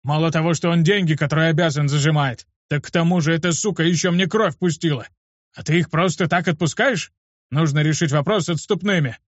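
A man's voice: on the high side, fairly quick, no room sound, highs cut off, pitched above the performer's own voice, lightly acted. A man voicing an angry young male street thug who talks rudely and hotly, in an audiobook reading. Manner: shouting angrily, rude.

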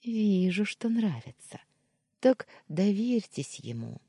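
Young maid, female, shy, hushed, pleading, husky, dry close sound, woman doing the voice. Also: medium pitch, sing-song, slow, no room sound, pitched above the performer's own voice, heavily acted. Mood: shy, teasing. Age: 20s.

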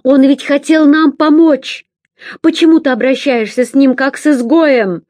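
Ren, a woman doing a shrill frantic young girl. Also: fairly even intonation, measured pace, darkish tone, no echo, clean studio sound. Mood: pleading, desperate. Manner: pleading, indignant, high-pitched cries. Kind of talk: audiobook character voice.

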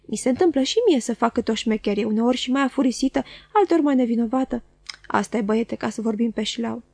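A woman's voice: fairly high pitch, darkish tone, no room sound. A woman voicing a sly, chattering middle-aged female dwarf who teases and gossips, in a storybook reading. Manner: quick, teasing, knowing.

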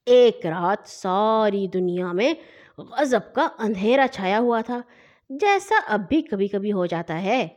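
A woman hosting a children's story show, narrating in an animated, expressive way and addressing young listeners. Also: mid-range voice.

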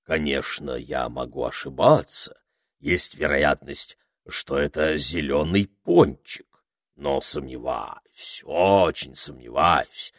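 A man voicing a huge, kindly creature who is hard of hearing and talks slowly in a pompous, fussy way. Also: a bass voice, no room sound, studio quality, voice pushed down, full character voice.

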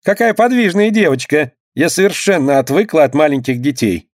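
A man's voice: fairly high pitch, animated, a little fast, no echo, clean studio sound, voice pushed up, close to an everyday voice. A man voicing an affected society lady who speaks in gushing, theatrical exclamations.

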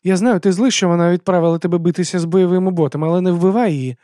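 A man's voice: high voice, quick pace, dark tone, dry recording, studio quality, pitched above the performer's own voice, natural voice. A man reading an audiobook, voicing an anxious, earnest woman scientist who speaks urgently and pleadingly.

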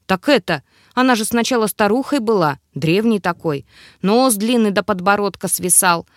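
A woman's voice: medium pitch, normal speed, no echo, studio quality, close to an everyday voice. A woman voicing a scared young male battle mage who pleads and whimpers in an audiobook. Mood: confessing.

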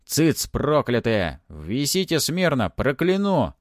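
A man voicing an ancient male mummy lord, gruff, bawdy and commanding, in a storybook reading. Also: on the low side, very animated, normal speed, no echo, clean studio sound. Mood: gruff bragging.

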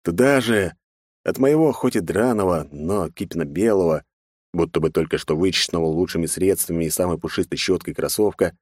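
A man reads a first-person audiobook in a very low voice, with a wry inner-monologue tone. The recording is dry and close, with no room sound. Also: a little fast, darkish tone, slightly rough, no echo. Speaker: audiobook narrator.

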